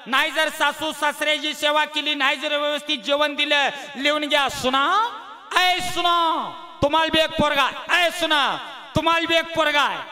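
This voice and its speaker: High-voiced man preaching folk sermon. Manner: loud, teasing, calls out to the audience and demands answers. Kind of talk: comic folk sermon to a village crowd.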